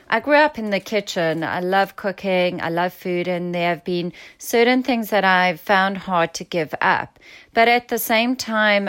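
A young woman with a South African accent, a founder describing her business in an interview in a fluent, steady way. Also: lowish voice, smooth. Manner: fluent, steady, with occasional ums.

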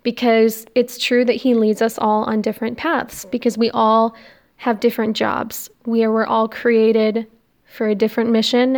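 A young American woman with a fairly high, very clear voice and a slight lisp from wearing braces. She hosts a podcast alone, rambling in a casual, confessional and self-deprecating way. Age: young adult. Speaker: podcast host. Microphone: recording on a phone.

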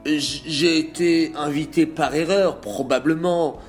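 A man's voice: unhurried, soft background music, lightly acted. A man voicing a humiliated guest who begs to stay in a trembling voice. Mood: pleading. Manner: pleading, trembling low voice. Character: humiliated adult man, pleading then vengeful.

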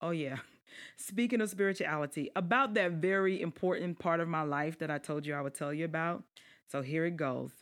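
A woman with a South Carolina lowlands accent hosting her podcast. She is also a pastor, and she talks in a playful, emphatic, preacher-like way, often calling out to her listeners directly. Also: a little fast. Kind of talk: casual podcast intro monologue.

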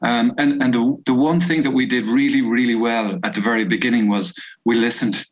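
A man's voice: medium pitch, fairly even intonation, fairly quick, dull audio. A middle-aged man with a west of Ireland accent, telling his story informally in an interview. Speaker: company founder being interviewed. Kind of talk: conversational interview answers.

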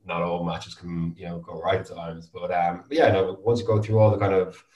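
Fast, low-pitched west of Ireland man. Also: flat delivery, warm tone, lo-fi sound. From Galway, west of Ireland. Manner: hesitant, frequent 'you know' and 'kind of' hedging. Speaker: guest, volunteer youth mentor. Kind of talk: casual interview conversation. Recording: roomy, echoey sound.

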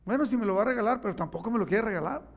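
A man's voice: high voice, rapid-fire. A middle-aged man, preaching a sermon as pastor and acting out the voices in his stories. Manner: animated storytelling, acting out quoted voices.

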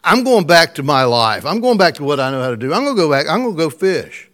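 A man preaching, acting out a weary fisherman who gives up with a flat, resigned drawl. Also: a little high, quick pace, voice pushed down.

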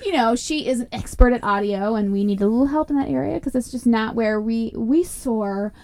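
A woman's voice: fairly high pitch, fairly quick, darkish tone. A middle-aged woman co-hosting a casual podcast recorded inside a closet, chatting freely and swearing often. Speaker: podcast co-host. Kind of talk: casual, profane chat with co-host. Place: small closet used as home studio, indoors.

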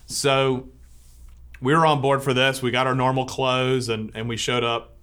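Priest, man, informal church talk, chatty storytelling, mid-pitched voice. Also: measured pace, smooth. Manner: relaxed storytelling with filler words.

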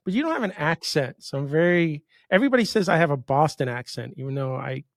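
A New York man in his fifties hosts a casual podcast interview, telling rambling stories and cutting himself off mid-thought. His voice is a little high, animated and quick, recorded in clean studio sound with no echo.

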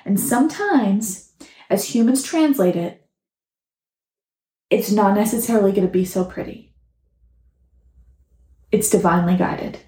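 A woman channeling a collective spirit guide that speaks as "we", calm and reassuring in slow, measured statements. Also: mid-range voice, roomy sound, lightly acted. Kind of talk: channeled message. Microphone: phone.

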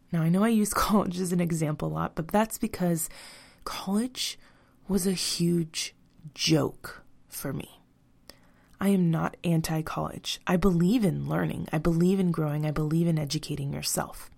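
A woman hosting her own podcast, giving a blunt, emphatic motivational monologue, swearing freely and slowing down with soft breathy asides. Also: low-pitched. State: tearing up. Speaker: podcast host.

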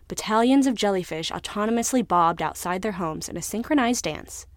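A woman narrating a scripted story in a measured, even way. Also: medium pitch, no echo, studio quality.

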